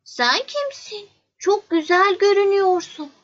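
A woman voicing the little prince, a polite and lonely young boy, speaking softly and earnestly in a storybook reading. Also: very high voice, sing-song, unhurried, muffled recording, voice pushed up, heavily acted. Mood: curious.

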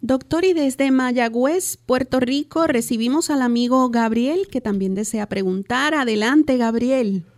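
A woman hosting a call-in show, introducing callers in a brisk announcer manner. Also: high voice. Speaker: radio host.

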